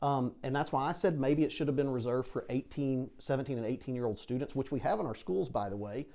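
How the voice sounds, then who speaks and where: Middle-aged male school leader, blunt and defiant interview delivery, medium pitch. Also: fast talker, warm tone. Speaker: school district superintendent. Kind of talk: interview answers.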